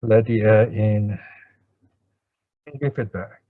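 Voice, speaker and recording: On dull-sounding audio, a male Buddhist teacher takes listeners through chanting and a guided meditation. His pitch is fairly low, and his delivery is unhurried and measured, with frequent pauses.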